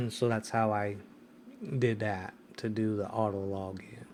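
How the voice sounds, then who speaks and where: A man's voice: on the low side, takes it slowly, a bit bright, slight background noise. A man hosting a casual screen-recorded tech tutorial, hesitant and full of ums and restarts. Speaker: tech video host.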